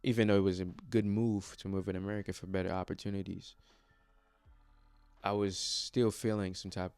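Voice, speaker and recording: Low and flat in delivery, this young man's voice moves at normal speed, a little mellow, clear, and resonant, with no room sound. He's a vlogger from the Democratic Republic of the Congo whose first language is not English. He speaks earnestly but hesitantly in a motivational personal vlog, with many fillers and restarts.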